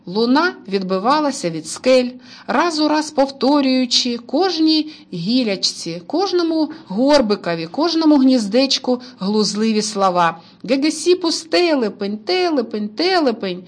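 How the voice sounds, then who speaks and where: A woman reads a children's storybook aloud in a lilting, expressive way. Her voice sits fairly high and moves up and down a lot. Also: unhurried. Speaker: narrator. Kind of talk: storybook reading.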